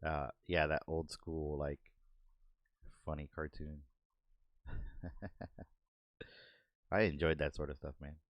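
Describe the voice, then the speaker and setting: Deep-voiced guy chilling on his podcast, talks slow, laughs a lot, dry sound. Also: flat delivery, no room sound, dull audio. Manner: laid-back, laughs often, acts out cartoon bits. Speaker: podcast host and artist. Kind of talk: casual chat while doodling. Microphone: desk microphone.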